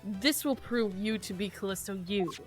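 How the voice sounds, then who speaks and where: A woman's voice: mid-range voice, moderate pace, soft background music, natural voice. A woman voicing a composed, formal male lawyer who presses his case in a video game.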